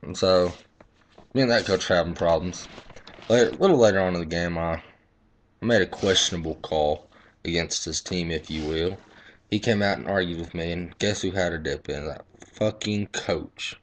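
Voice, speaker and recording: A man's voice: sits low, normal speed, a little hiss or hum. A young man, a baseball umpire, telling blunt, profanity-laced stories in a casual vlog. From Texas. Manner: profane, blunt, boastful storytelling.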